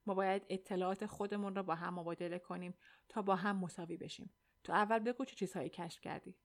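Woman reader doing a gaunt, weary young man; low hushed voice, storybook dialogue. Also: steady tone, natural voice. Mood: earnest. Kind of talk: audiobook dialogue reading.

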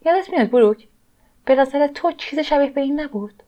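A woman voicing an ancient, wistful energy being that was once human, speaking gently in a dull lo-fi recording. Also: high voice, animated. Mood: coaxing.

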